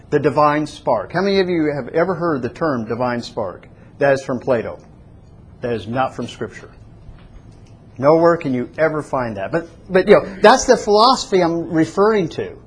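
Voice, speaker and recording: A man preaching a sermon, reading slowly from a prepared text and rising to emphatic peaks. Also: on the high side, breathy edge. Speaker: pastor.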